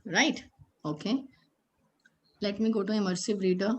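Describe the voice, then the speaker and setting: A woman's voice: mid-range voice, steady tone, moderate pace, lo-fi sound. A woman with an Indian accent presenting a teacher-training session over a video call, explaining patiently step by step and checking in often. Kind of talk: online teaching demo.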